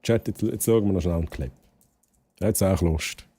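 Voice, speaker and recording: A young Swiss man streaming live in casual chat with a Swiss German accent, excitable and prone to loud outbursts. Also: normal speed, breathy edge, no echo. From Switzerland. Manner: excitable, bursts into loud high exclamations and laughter.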